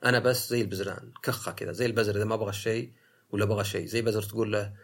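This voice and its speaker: A man hosts a solo talk podcast in a gravelly, husky voice. He argues in a casual way and mimics other people's lines to make his case. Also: on the low side, level tone, very fast. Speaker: podcast host.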